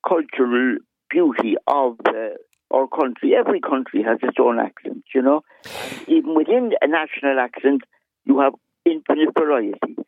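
A man's voice: mid-range voice, moderate pace, no room sound. A man with a Cork Irish accent calling a radio phone-in, explaining his opinion conversationally and articulately over the phone. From Cork, Ireland. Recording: phone line to radio show.

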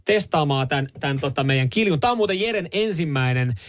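A man's voice: a little high, animated. A man co-hosting a morning radio show, asking questions in a chatty, teasing way. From Finland. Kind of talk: casual radio banter. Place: radio studio.

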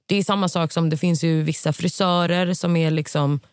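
A woman's voice: on the low side, fairly even intonation, darkish tone, clear, resonant tone, no room sound, studio quality. A woman co-hosting a casual chat, blunt and outspoken, swearing as she argues her point. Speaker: podcast co-host.

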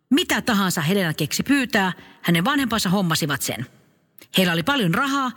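A man's voice: sits high, slightly rough, in a large hall. A man narrating a comic children's story, playful and speaking to the listener. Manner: playful, lively, addresses the listener.

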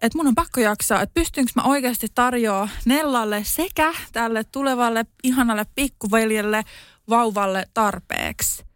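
A woman's voice: fairly high pitch, clean tone, dry recording. A young woman co-hosting a podcast, chatting casually and retelling a story with lots of fillers. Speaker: podcast co-host. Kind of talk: casual chat.

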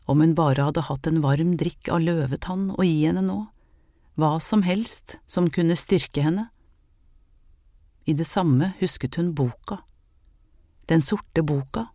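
A woman narrating a novel as an audiobook in a calm, measured way. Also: sits low, dry recording, studio quality.

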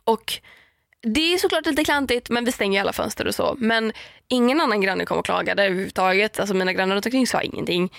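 A young woman casually telling a story on a podcast, lively, with many fillers and acted-out quotes. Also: mid-range voice, vocal fry, no room sound, studio quality.

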